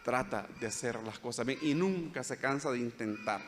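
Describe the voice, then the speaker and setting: A man's voice: medium pitch, moderate pace, in a large hall. A man preaching a sermon as pastor with a Salvadoran Spanish accent, earnest, acting out short quoted dialogues. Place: church hall.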